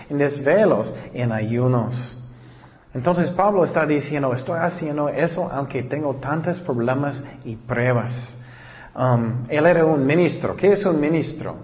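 A man delivers a sermon, reading Bible verses slowly and urging his listeners earnestly. His voice sits a little high and carries a long hall reverb. The recording is dull and lo-fi. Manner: reads verses slowly, then exhorts earnestly. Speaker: preacher.

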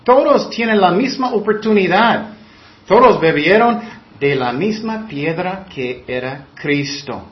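High-voiced man preaching in an echoey room. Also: animated, measured pace. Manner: preaching with mocking quoted voices. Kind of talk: sermon. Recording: echoey room, dull lo-fi sound.

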